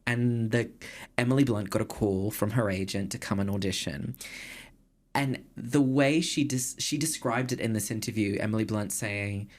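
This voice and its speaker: A woman's voice: a bass voice, moderate pace, darkish tone. A woman hosting a casual podcast chat, talking in a thoughtful, rambling way and searching for words as she goes. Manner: chatty, thoughtful, many fillers and restarts. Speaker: podcast host.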